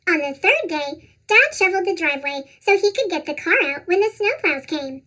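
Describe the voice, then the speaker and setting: A storybook narrator reading to children in an animated, expressive way, with a squeaky pitched-up chipmunk cartoon voice. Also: normal speed. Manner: animated, expressive read-aloud. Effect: pitched-up chipmunk voice effect.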